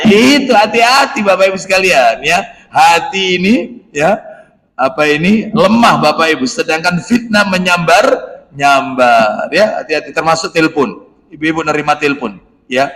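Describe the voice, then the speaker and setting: A man preaching a religious lesson in a mosque, lively and stern, acting out little dialogues. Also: a little high, moderate pace. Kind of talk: religious study sermon. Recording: echoey mosque hall.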